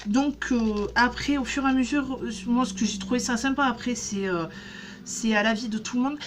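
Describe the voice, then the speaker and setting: A woman in her thirties talks through a shopping haul in a loose, rambling way, full of fillers and restarts. Her voice sits a little high, and a faint background noise runs under the recording. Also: moderate pace. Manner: chatty, many fillers and restarts. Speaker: beauty vlogger. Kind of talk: casual haul vlog.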